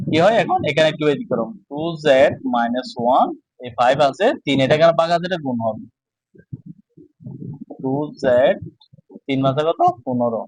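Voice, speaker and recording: A man teaching a math lesson, speaking slowly and asking his own questions before answering them. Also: mid-range voice, dry recording, low-quality recording. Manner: slow, repetitive, asks and answers own questions. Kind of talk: casual classroom lesson.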